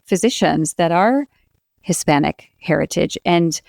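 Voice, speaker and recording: A woman's voice: fairly low pitch, lively intonation, unhurried, creaky, a little mellow, no room sound, clean studio sound. A woman co-hosting a podcast, speaking in an affirming, encouraging way. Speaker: podcast co-host. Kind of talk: podcast interview.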